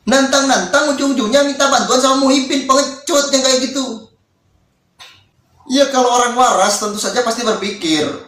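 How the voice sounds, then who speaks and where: A man's voice: sits high, a bit bright, reverberant. A man from Indonesia, an Islamic cleric, giving a heated rebuttal speech in a mocking, scolding way and repeating phrases for emphasis.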